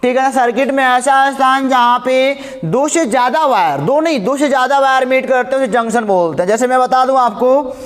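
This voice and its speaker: A man teaching a physics class, repeating each point several times and slowing down to dictate definitions. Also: very high-pitched, big-room sound. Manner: repetitive, drills each point, slow dictation. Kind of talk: classroom lecture.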